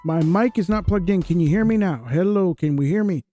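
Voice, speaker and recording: A man's voice: high voice, brisk, warm tone, faint music behind. A man hosting a casual live stream, his mic-check audio glitching and repeating in a loop. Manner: mic check, asking if he can be heard. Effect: glitching audio stuck repeating in a loop. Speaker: host.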